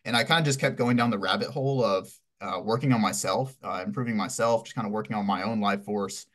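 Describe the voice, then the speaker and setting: Young guest from Texas, twenties, lowish voice, loose rambling storyteller full of ums. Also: male voice, fast, fairly bright tone. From Houston, Texas. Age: 20s. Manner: rambling, filler-heavy storytelling. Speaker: podcast guest. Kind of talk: casual interview answers.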